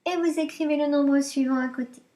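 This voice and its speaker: A woman teaching primary maths, dictating to young pupils with deliberate articulation and repeating herself. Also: high voice, fairly even intonation, dark tone.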